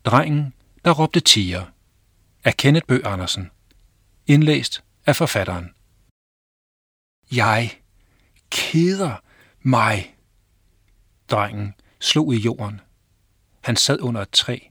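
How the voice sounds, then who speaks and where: A man reading his own children's story aloud, calm and clear storytelling. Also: medium pitch, no echo, studio quality.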